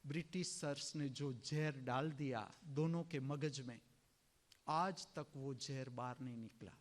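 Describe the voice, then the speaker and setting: Slow, emphatic Indian spiritual teacher. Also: male voice, medium pitch. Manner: slow, emphatic, clears throat often. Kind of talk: sermon.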